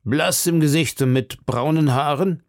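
A man putting on a gravelly stern musketeer captain. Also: a little high, no room sound, studio quality, voice pushed up. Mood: probing. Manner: measured, lecturing, drops to murmurs. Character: stern shrewd older male captain of musketeers. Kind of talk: audiobook reading.

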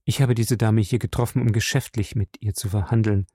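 A man reading an audiobook and voicing a sheepish husband who pleads softly and hurries through his excuses. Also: lowish voice, fairly even intonation, fairly quick, breathy edge, dry recording, studio quality. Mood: pleading. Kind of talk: audiobook character voice.

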